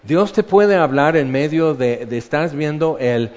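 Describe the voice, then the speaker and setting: A man's voice: fairly high pitch, a little slow, a little mellow. A man with a Mexican accent preaching a sermon as a conversational Bible lesson, explaining things in a chatty way and often checking in with "ok". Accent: Mexican Spanish. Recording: dull audio with long hall reverb.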